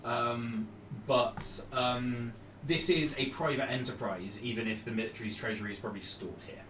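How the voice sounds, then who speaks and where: A man runs a tabletop game, improvising in halting, piecemeal phrases. He is away from the mic in an echoey room with clear background noise. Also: medium pitch, distant mic. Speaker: game master.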